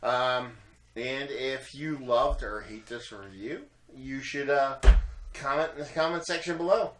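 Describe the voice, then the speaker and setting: A man with a bright, forceful voice hosts a casual beer review. He rambles in a loose, tipsy way, repeating phrases. The room is echoey, with some background noise. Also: medium pitch, a little slow. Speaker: beer reviewer, show host.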